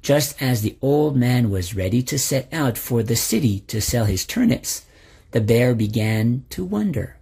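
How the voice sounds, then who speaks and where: A male storyteller reading a folk tale slowly and with much expression. His voice is husky, with a gravelly fry, and his pitch moves around in a lively way. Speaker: narrator.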